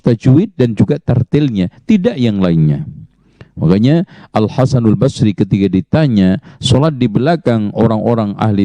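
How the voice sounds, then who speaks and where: Male religious teacher, measured explainer, dull lo-fi sound. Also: mid-range voice, mellow, dry recording. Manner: measured, explanatory, cites Arabic sayings. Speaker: Islamic teacher answering questions. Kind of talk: religious Q&A answers. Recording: muffled lo-fi audio.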